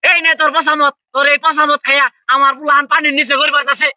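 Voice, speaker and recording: Man acting a high-voiced, pompous water spirit. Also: little pitch movement, quick pace, pushed and bright, no room sound, clean studio sound, full character voice. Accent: rural Bangladeshi. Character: foolish male water spirit, pompous, easily provoked. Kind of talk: village comedy skit acting.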